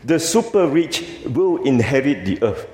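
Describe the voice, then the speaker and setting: This Malaysian-accented man's informal English sermon at a church camp is sprinkled with "lah" and "you see." He speaks a little slowly in a medium-pitched, dark-toned voice with big pitch swings. The setting is an echoey hall with noisy ambience.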